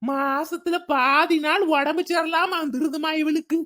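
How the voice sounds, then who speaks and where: A woman voicing a gruff, dismissive village husband in a cartoon, blunt and teasing. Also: sits high, steady tone, moderate pace, fairly bright tone. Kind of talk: cartoon voice acting.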